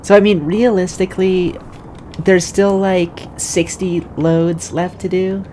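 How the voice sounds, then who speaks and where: A woman's voice: fairly low pitch, level tone, takes it slowly, background noise. A woman streamer with a slight lisp, chatting offhand and dry while she plays a game. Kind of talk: casual chat while gaming.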